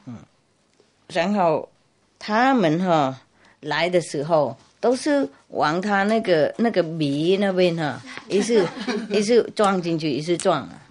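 A woman's voice: lowish voice, animated, slow, a little mellow. A woman Buddhist master telling a humorous story in a chatty way, laughing and repeating herself.

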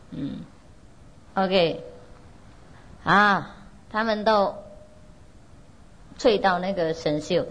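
A woman's voice: mid-range voice, rough recording. Woman telling a Zen story, chatty. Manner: loose, conversational, with many fillers and frequent laughs; asks listeners directly to check they follow. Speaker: spiritual teacher. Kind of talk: storytelling lecture to an audience.

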